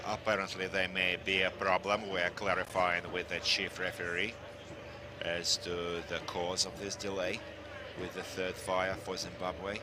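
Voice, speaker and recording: A man giving live sports commentary on a tank competition in formal, halting English. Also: sits low, monotone, very noisy.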